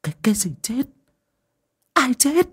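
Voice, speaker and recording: A man voicing a bossy elderly mistress of a household, firing off shrill, demanding questions. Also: lively intonation, a little slow, heavily acted. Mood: frantic.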